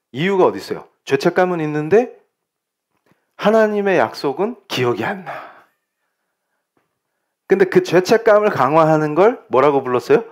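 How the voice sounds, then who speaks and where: A middle-aged man from Seoul preaching a sermon as pastor, asking rhetorical questions and swinging between loud bursts and quiet asides. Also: fairly high pitch. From Seoul, South Korea.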